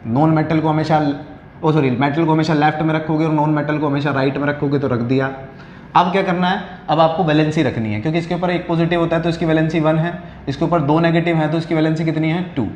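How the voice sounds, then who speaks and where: A man teaching a lesson, a bit higher-voiced than most, who asks questions aloud and answers them himself. The sound is roomy and a little dull, with a faint hum behind him. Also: steady tone, quick pace, a little mellow. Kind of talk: classroom-style chemistry lesson.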